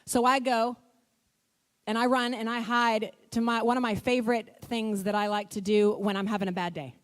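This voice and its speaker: A woman giving a motivational church talk, emphatic and repetitive, with quick bursts of speech. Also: a little high. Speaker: motivational speaker. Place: church hall. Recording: long church hall reverb.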